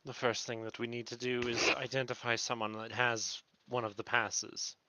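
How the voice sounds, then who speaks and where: A man playing in a tabletop game, who lays out plans in a measured way. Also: mid-range voice, flat delivery, noisy background. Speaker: player. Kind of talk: tabletop role-play chat.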